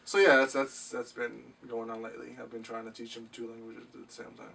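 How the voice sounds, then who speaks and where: A man from Morocco, a guest on a casual podcast, talking haltingly with many pauses and restarts. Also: medium pitch, little pitch movement, gravelly, fairly bright tone. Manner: hesitant, many ums and restarts. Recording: distant mic with faint noise.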